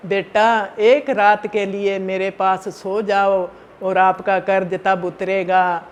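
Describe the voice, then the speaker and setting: A man voicing a gentle, patient elderly mother in a spoken parable, speaking softly and forgivingly. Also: sits high, little pitch movement, slow pace, highs cut off.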